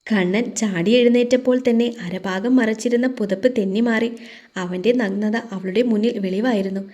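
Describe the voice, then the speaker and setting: Woman storyteller, gentle and steady, mellow tone, audio drama narration. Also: mid-range voice, normal speed, lo-fi sound.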